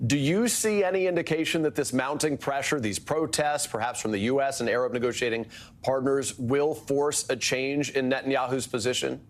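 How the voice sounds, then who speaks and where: A man anchors a news program with a smooth, scripted delivery. His voice sits at a middle pitch. He moves easily between introductions and questions for a guest. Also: moderate pace.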